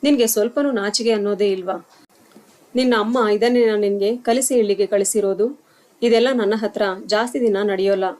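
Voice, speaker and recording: A woman's voice: mid-range voice, fairly even intonation, brisk, darkish tone, lightly acted. Woman doing a harsh, taunting mother-in-law. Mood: scornful. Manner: taunting, scolding. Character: scornful harsh middle-aged mother-in-law.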